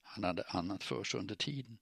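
A man's voice: fairly low pitch, vocal fry, husky, no room sound, clean studio sound, full character voice. A man reading a shaken, weary woman. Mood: subdued. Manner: hushed, subdued, flat.

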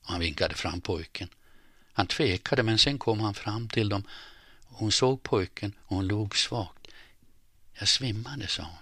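A man reads a story in a deep, husky voice with a forceful edge. His delivery is measured and often sinks into hushed, near-whispered tones. The sound is dry and close. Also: expressive, no room sound. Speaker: audiobook narrator. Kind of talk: scripted narration.

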